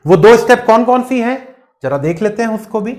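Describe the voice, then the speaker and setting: An engineering exam tutor with a high, animated, slightly mellow voice gives a patient, casual classroom lecture at a fairly quick pace. He explains through rhetorical questions and mixes in English terms.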